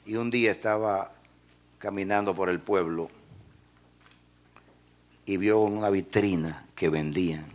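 A man's voice: low voice, a little slow, pauses often. A man preaching a sermon and telling a story to his congregation. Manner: storytelling, rising to shouted praise.

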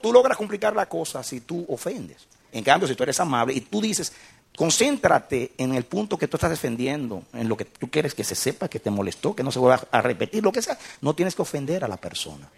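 A man's voice: mid-range voice, big pitch swings, fairly quick, creaky, slightly rough. A middle-aged man preaching a sermon as a pastor, impassioned and building to emphatic peaks.

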